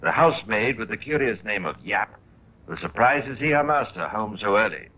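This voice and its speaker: A man narrating a 1950s radio crime drama in measured, storytelling tones. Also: on the low side, expressive, sharp tone, dull audio.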